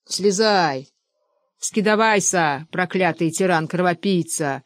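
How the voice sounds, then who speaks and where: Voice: mid-range voice, slow, close to an everyday voice. An audiobook reader voicing a bossy older man who blusters and gives orders, close to the reader's own voice. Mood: blustering. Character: bossy older man, rebel father-in-law.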